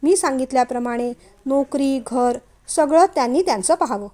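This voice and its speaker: Brief: woman doing a strict storybook father, firm and curt, high voice. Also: moderate pace, mellow, close to an everyday voice. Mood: stern. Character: stern strict middle-aged father, blunt.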